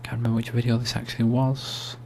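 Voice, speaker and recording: A soft-spoken man giving an ASMR-style screen tutorial, explaining steps in a hushed, unhurried, informal way. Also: mid-range voice, completely flat delivery, gravelly. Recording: faint hum and background noise.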